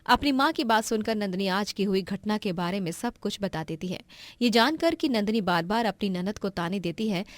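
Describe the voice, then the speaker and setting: A woman giving scripted narration of a cartoon story in an even storytelling manner. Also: mid-range voice, no room sound.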